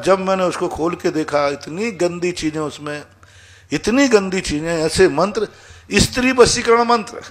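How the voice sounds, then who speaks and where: Emphatic monk preaching. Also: male voice, high voice, fairly bright tone. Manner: scolding, emphatic, acts out dialogue. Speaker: Jain monk answering questions. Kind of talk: sermon with storytelling.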